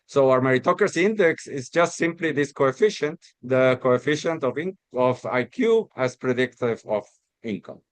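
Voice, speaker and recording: A man's voice: mid-range voice, lively intonation, moderate pace, no room sound. A man from Costa Rica giving an academic research talk, explaining step by step with many restarts and repeated words. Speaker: academic presenter.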